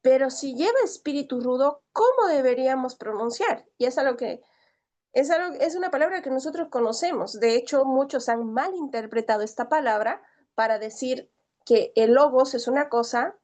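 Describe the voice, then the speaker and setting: A woman's voice: high-pitched, darkish tone. A woman teaching a language class who explains patiently, asks her students questions and keeps checking that they follow. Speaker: Greek teacher. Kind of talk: online class lecture.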